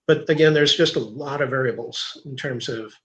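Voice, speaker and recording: A man's voice: medium pitch, normal speed, dull audio. A male guest explaining soil science in a technical, hesitant way. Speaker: guest agronomy expert. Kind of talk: explaining in conversation.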